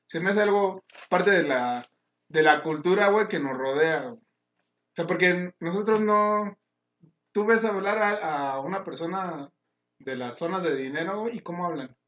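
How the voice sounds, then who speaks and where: A man's voice: sits high, normal speed, a bit bright, echoey room. A man with a Mexican accent, co-hosting a casual chat show, who argues his views thoughtfully in slang-filled speech. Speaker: co-host.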